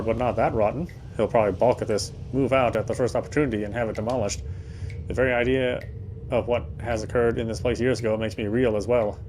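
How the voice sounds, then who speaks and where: A man with a medium-pitched, somewhat dark voice reads first-person game narration aloud in a dramatic storytelling manner, occasionally tripping over words. A slight hiss or hum can be heard.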